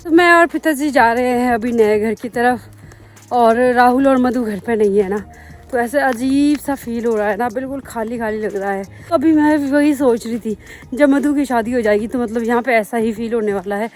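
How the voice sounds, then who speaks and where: A woman's voice: on the high side, normal speed, darkish tone, faint music behind. A young woman, vlogging outdoors in her mountain village and chatting straight to the camera. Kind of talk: casual vlog narration.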